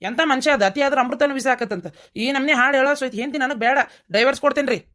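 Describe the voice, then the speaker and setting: A fed-up young husband in a cartoon , as a woman puts on a much lower voice, grumbling with a North Karnataka Kannada accent. He sounds exasperated and ready to quit, his delivery brisk and bright. The voice sits noticeably lower than the performer's own. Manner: exasperated, complaining to his mother-in-law. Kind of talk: cartoon comedy voice acting.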